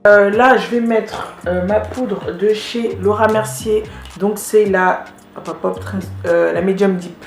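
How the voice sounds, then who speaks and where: A woman's voice: medium pitch, steady tone, slow pace, creaky, roomy sound, soft background music. A woman vlogger chatting casually with lots of fillers while she does her makeup. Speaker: beauty vlogger. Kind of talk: casual get-ready-with-me makeup narration.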